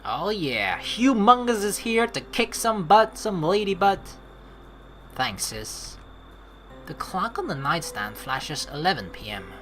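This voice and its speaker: Reading game dialogue aloud during a let's play, a woman comments casually, expressively and playfully, swearing freely. Her voice is lowish and slow, with soft music in the background.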